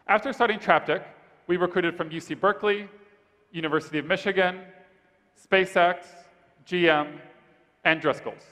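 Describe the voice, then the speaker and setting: A man pitching his startup on stage, then answering judges' questions in a steady, rehearsed way. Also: normal speed, pauses often. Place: large event hall stage. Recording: reverberant conference hall.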